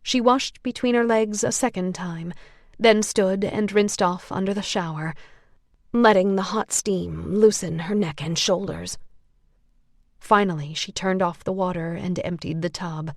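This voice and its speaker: A woman narrating an audiobook of a novel in a measured storytelling manner. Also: mid-range voice, no echo, clean studio sound.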